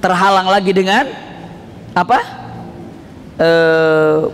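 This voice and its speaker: A male preacher, giving a lively sermon that keeps asking the audience questions. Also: high voice, takes it slowly, slight background noise. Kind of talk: Islamic sermon. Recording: long hall reverb.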